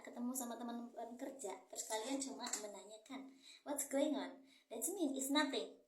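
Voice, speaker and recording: A woman's voice: fairly high pitch, a little mellow, distant mic. Chatty woman teaching in an echoey room. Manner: chatty, mixes Indonesian and English, drills phrases slowly. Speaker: English teacher. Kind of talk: casual language lesson.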